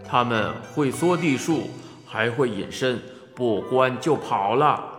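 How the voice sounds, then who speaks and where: A storyteller voicing a frank, genial male sky emperor god in an audiobook, with a deep, gravelly drawl. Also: animated, takes it slowly, fairly bright tone, faint music behind. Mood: stern. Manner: frank and easygoing. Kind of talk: audiobook character voice. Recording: echoey hall reverb.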